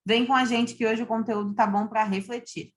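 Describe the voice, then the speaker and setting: A woman in her thirties from Santa Catarina, co-hosting a podcast in a lively manner, chatting and reading prepared segments. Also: fairly high pitch, a little fast. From Santa Catarina, Brazil. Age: 30s. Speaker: podcast co-host. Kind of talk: podcast chat and scripted reading.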